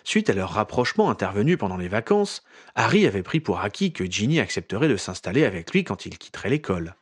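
A man narrating a fan fiction story aloud in an expressive, dramatic reading style. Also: lowish voice, fast, slightly rough.

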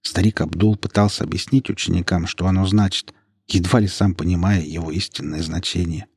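A man narrating a story in a steady, even reading voice. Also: low-pitched, a little fast, husky. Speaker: audiobook narrator. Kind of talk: scripted narration.

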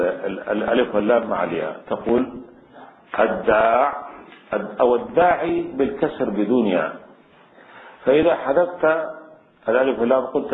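A man teaching classical Arabic grammar, explaining patiently step by step with many fillers. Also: medium pitch. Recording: echoey room on a tinny lo-fi line.

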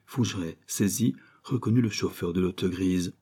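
A male narrator reading a crime novel aloud, measured and dramatic. His voice is low, dark and mellow, with a husky grain. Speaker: audiobook narrator.

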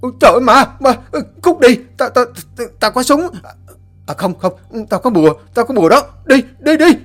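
A man's voice: mid-range voice, expressive, fairly quick, mellow, husky, faint music behind. A man voicing a panicked young man who shrieks and stammers in terror. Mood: terrified.

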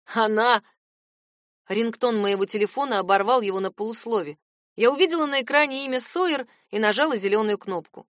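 A woman reading a novel aloud in first person as an audiobook narrator, with measured, wry storytelling. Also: fairly high pitch, no room sound, clean studio sound.

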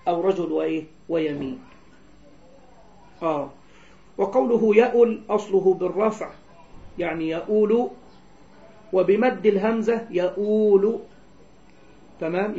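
Egyptian teacher, high mellow voice. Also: male voice, muffled recording. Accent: Egyptian Arabic. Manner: keeps asking his students rhetorical questions, then answers them himself; alternates between reading the text aloud and explaining it in colloquial terms. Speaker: Islamic jurisprudence teacher. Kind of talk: explaining a classical text line by line.

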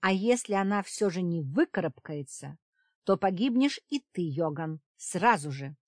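A blunt young witch who studies necromancy, as a woman narrator voices her in an audiobook. She talks brisk and matter-of-fact in a lowish voice. The sound is close and dry. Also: animated, a little mellow, no room sound. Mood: grim. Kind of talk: audiobook character reading.

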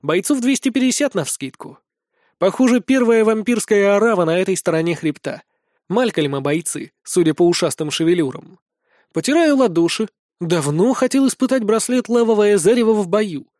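A man narrates a fantasy adventure in the first person, brisk and wry in his telling. His voice is fairly high for a man, and the recording is dry and close with no room echo. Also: lively intonation, darkish tone. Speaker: audiobook narrator.

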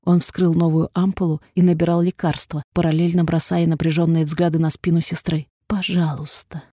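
Female audiobook narrator, dramatic and intense, dark husky tone, dry close mic. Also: low-pitched, level tone, fairly quick, no echo. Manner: intense, dramatic, hushed at times. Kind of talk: first-person audiobook narration.

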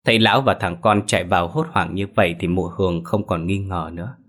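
A man narrating a ghost story in an expressive, dramatic way. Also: low voice, fairly quick.

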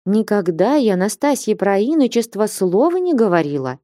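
Elderly abbess aunt, calm, cold and measured; a woman reads her in a dark, mellow storybook voice. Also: mid-range voice, dry recording, studio quality, close to an everyday voice.

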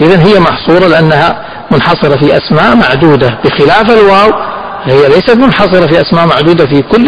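A man teaching a fiqh text. He asks his students questions, answers them himself, and slows down to stress the key phrases. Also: fairly high pitch, breathy edge, poor audio. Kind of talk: classroom lesson explaining a text.

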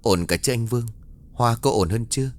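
A man's voice: medium pitch, a little fast, darkish tone, faint music behind, natural voice. A man voicing an earnest younger friend of the family who confides worrying news in a ghost story. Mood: polite.

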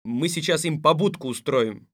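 A man voices a stern, weary tsar from a fairy tale who barks his orders in a gruff, commanding tone. His voice sits a little higher than most men's, and the recording is close and dry, with no room sound. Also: moderate pace, no echo, lightly acted. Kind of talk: audiobook radio play.

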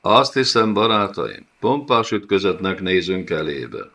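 A sneering, scornful fat warlord , put on by a male audiobook reader, with a raspy, throaty voice pushed higher and louder than the narration. He mocks everyone before him. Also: full character voice. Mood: mocking.

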